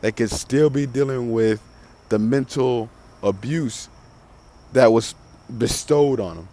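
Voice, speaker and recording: A man's voice: mid-range voice, slow pace, mellow. A man from the rural South hosts a podcast solo, speaking with a Southern US accent. His talk is casual and motivational. He leans on key points emphatically, often restating them for stress. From Southern US, countryside. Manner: emphatic, repeats phrases for stress. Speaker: podcast host.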